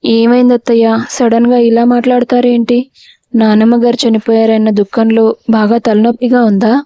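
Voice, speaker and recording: A woman voicing a gentle, polite young daughter-in-law in an audio storybook. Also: fairly high pitch, monotone, moderate pace, dry recording, natural voice. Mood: polite puzzled. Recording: dull, dry lo-fi recording.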